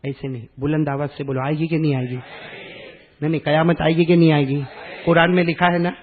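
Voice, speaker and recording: A male preacher giving a sermon to a live gathering, calling out for the crowd to repeat after him and chanting verses slowly, moving between hushed talk and loud calls. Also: a little high, little pitch movement, phone-quality sound. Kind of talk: sermon with call-and-response.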